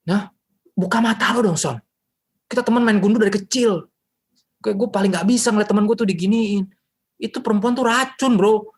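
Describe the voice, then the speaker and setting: A man putting on an exasperated young buddy, pitched well above his own voice, slangy and urgent, leaning hard on every plea. He sounds like a friend who has had enough. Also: slightly rough.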